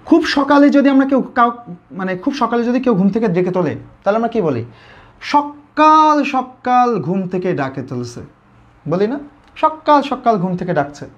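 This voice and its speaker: A male teacher with a Bangladeshi Bengali accent, giving a live online grammar lesson, who asks questions and then answers them himself. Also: sits high. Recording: slightly dull lo-fi audio.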